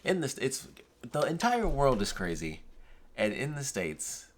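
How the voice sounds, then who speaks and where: A man who sounds high, rambling casually in a dazed, drifting stoner manner as he vlogs and trails off. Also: wildly swooping pitch, a little slow, a little hiss or hum. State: high, intoxicated. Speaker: vlogger. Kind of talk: rambling casual unboxing vlog.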